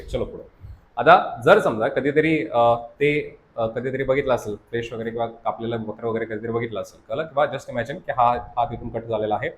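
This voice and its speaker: Marathi-accented male lecturer, mid-pitched, coaching-class style, quizzes the room, light room hiss. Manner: constantly checks understanding with quick questions to the class; mixes English terms into Marathi teaching. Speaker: science teacher at a coaching academy.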